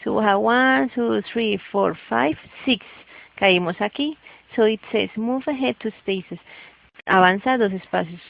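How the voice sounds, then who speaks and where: A woman's voice: medium pitch, measured pace, vocal fry, lo-fi sound. A woman teaching a lesson patiently, often stopping to check that her student understands. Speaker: English teacher. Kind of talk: classroom teaching.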